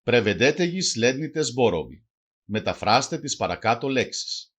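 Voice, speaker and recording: A man's voice: medium pitch, sing-song, a bit bright, slightly rough. A man with a Greek accent reading a language lesson aloud, saying phrases one by one and then translating each. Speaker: language teacher.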